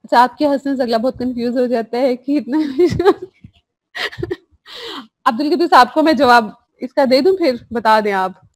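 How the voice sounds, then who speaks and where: A woman's voice: high voice, moderate pace, no room sound. A woman, a clinical psychologist giving a live online course in a chatty, casual way, dropping in English phrases. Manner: chatty and warm, mixing in English phrases, reading out chats.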